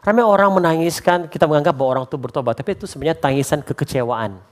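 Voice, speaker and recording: A male pastor delivers an energetic sermon. His voice sits a little high for a man, and he freely drops English words into his speech, then shifts into playful voices when quoting people. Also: racing. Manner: animated, mixes English phrases into his preaching; acts out quoted voices for humor. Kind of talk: lively sermon.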